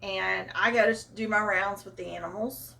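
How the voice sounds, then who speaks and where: A Southern-accented woman spins an animated personal story in a casual, chatty way. Her voice sits a little back from the microphone, giving a slightly distant sound, at an ordinary pitch for a woman. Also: moderate pace, gravelly, a little hiss or hum. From Arkansas, US. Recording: voice a bit far from mic.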